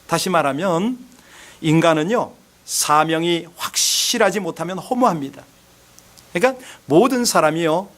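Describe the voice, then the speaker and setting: A male pastor preaching a sermon emphatically, putting rhetorical questions to the congregation. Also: high voice.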